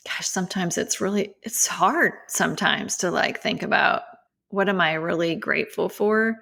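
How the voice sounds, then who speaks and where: Earnest woman with a gravelly voice. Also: on the low side. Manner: earnest, halting, drops to soft near-whispers. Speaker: podcast co-host. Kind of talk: casual podcast talk.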